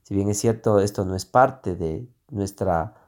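A man's voice: fairly low pitch, measured pace, a little mellow. A man coaching listeners on handling emotions in a motivational talk, asking himself questions aloud. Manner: asks himself questions aloud, switching between tú and usted. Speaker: self-help coach.

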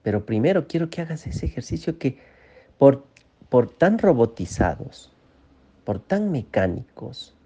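A man teaching a mindfulness course module, gently coaching the listener and checking in often. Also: mid-range voice, slightly rough, dull audio. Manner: slow, repetitive, gently coaching with frequent "¿sí?" checks. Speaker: course instructor. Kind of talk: guided mindfulness lesson.

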